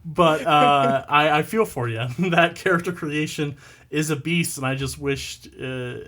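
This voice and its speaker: A man's voice: on the high side, a little slow, bright, forceful tone. A man hosting a podcast, chatting casually in a jokey, self-deprecating way and laughing often. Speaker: podcast host.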